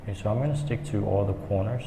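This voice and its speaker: Male craft instructor, gravelly and low, casual and halting step-by-step delivery, recorded in a reverberant echoing stairwell. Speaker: woodworking instructor. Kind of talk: hands-on tutorial, talking while working. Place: indoor staircase with strong echo. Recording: echoey stairwell, long reverb, background noise.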